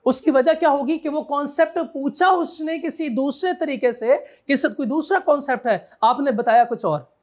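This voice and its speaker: A man's voice: very high-pitched, normal speed. A man giving a classroom law lecture, quizzing students and repeating his key points.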